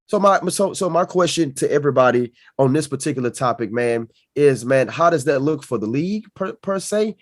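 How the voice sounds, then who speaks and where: A man's voice: medium pitch, animated, brisk, hardly any pauses, no room sound, studio quality. A man hosting a casual sports podcast, slangy, leaning on "man" and "bro" as he sets up topics and asks questions. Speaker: podcast host.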